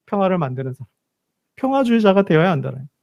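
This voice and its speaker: Korean pastor guy preaching, pretty high voice, keeps asking the crowd questions and hammering the point. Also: very animated, rapid-fire, creaky, highs cut off. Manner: rhetorical questions, repetitive emphatic phrasing. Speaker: senior pastor. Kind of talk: sermon. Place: church sanctuary.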